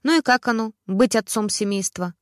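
Woman reading an easygoing doctor buddy, friendly and relaxed, dry close sound. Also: on the high side, moderate pace, no room sound, close to an everyday voice. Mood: cheerful. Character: cheerful experienced male surgeon friend.

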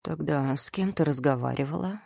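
A woman playing a sleepy, teasing young male warlock husband who speaks low, muffled and warm. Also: brisk, vocal fry, dry recording, clean studio sound, exaggerated voice. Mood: drowsy, teasing.

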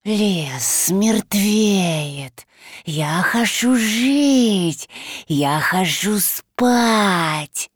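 A woman's voice: animated, slightly rough, dry recording, heavily acted. A woman voicing a hissing ancient forest hag. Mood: ominous. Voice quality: hissing, booming. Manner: slow, drawn-out words.

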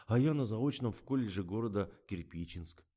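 A man's voice: lowish voice, expressive, normal speed, mellow, pitched above the performer's own voice. A man voicing a naive, earnest young male assistant in an audiobook, speaking plaintively. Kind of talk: audiobook character voice.

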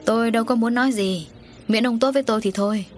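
A woman's voice: medium pitch, fairly even intonation, moderate pace, faint music behind, natural voice. Audiobook villain type: sarcastic, insinuating man, woman reader. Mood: sly mocking. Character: sly middle-aged man, mocking and insinuating.

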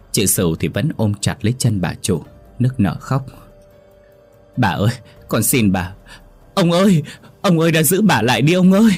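A man narrating a horror story in a steady, dramatic storytelling manner. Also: low-pitched.

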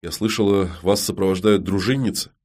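A man's voice: sits low, fairly even intonation, a little mellow. A man voicing a young woman witch who speaks politely but firmly. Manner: polite, measured.

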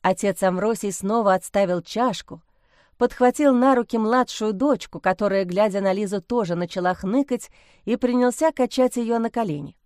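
A woman reading a story aloud as narrator, with an even storytelling cadence. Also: medium pitch, moderate pace, dry recording, clean studio sound. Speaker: audiobook narrator. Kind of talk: scripted narration.

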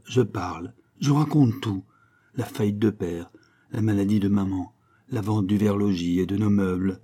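Male storybook reader, husky and low, expressive with hushed asides. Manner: expressive, lively reading with sudden lifts and hushed asides. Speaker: audiobook reader. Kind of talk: reading a short story aloud.

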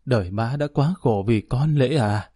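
Audiobook: male narrator reads an older mother mourning her son, slow lament, dark timbre. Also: mid-range voice, husky, dry recording, studio quality. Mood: grieving.

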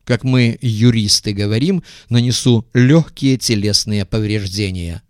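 A male narrator voices a rough, sarcastic lawyer in an audiobook. He speaks coarse and mocking, with a dry, close sound. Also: lowish voice, measured pace, dry recording, natural voice. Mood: threatening. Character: coarse, sardonic lawyer sidekick.

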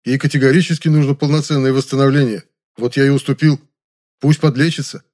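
Casting: man playing a flustered older stepfather, a bit higher and louder than the narration, soft and placating. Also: fairly even intonation, fast talker, lightly acted. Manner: mumbling, placating.

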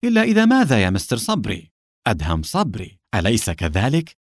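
A man's voice: mid-range voice, sing-song, fast, dry recording, natural voice. A man voicing a cold, sarcastic, corrupt police inspector in an audiobook. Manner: cold, mocking.

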